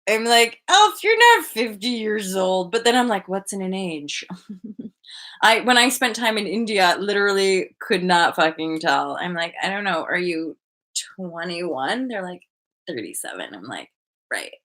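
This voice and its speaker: A woman in her thirties hosting a casual live chat from a bedroom, chatty and animated, full of likes and restarts, heard through a webcam mic. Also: medium pitch, measured pace. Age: 30s. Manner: animated, gestures a lot, laughs often. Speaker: livestream host. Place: bedroom indoors. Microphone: webcam at desk distance.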